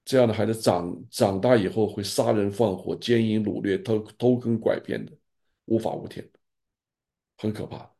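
A gravelly, dark-toned older male pastor speaks in a fairly low register. His voice is husky, and he gives earnest, fatherly advice in a relaxed pastoral sharing. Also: normal speed. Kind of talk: pastoral sharing in an online group.

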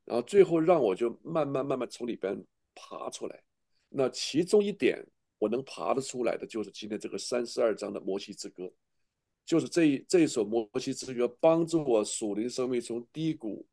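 A man's voice: mid-range voice, lively intonation, moderate pace, vocal fry, mellow. A middle-aged man, a pastor, preaching a sermon with earnest, emotional testimony and frequent restarts.

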